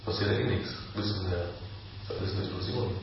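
A man, a spiritual teacher giving a calm, reflective satsang talk with slow pauses. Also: sits low, slight background noise. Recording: echoey room from far off, dull.

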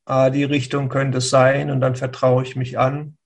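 A man speaking as a spiritual teacher who answers a listener's question in a slow, searching way, with pauses and restarts. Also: mid-range voice, monotone, creaky.

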